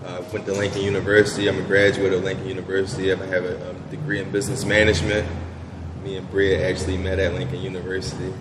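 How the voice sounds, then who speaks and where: Low flat-voiced man, echoey room. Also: quick pace. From Southwest Philadelphia. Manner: laid-back, many fillers like "you know". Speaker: business owner guest. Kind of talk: casual interview answers. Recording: echoey room with background noise.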